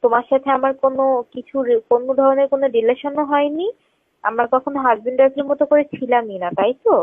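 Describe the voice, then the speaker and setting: A woman with a high voice talks at a quick pace as a caller in a confrontational phone conversation, insistently pressing with repeated questions. The recording is dry, tinny and narrowband, typical of a phone call.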